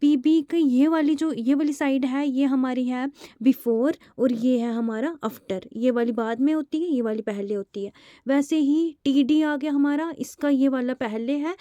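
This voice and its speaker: Teacher: high-voiced woman, mellow and dry, halting delivery full of fillers, shorthand lesson. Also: no room sound. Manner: halting, many fillers, repeats itself. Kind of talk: online lesson explaining to viewers.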